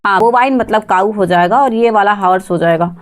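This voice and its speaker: A woman runs a live online English exam-prep class, reading students' names from the chat, asking the class for answers, spelling words letter by letter and laughing often. Her voice is medium-pitched and brisk.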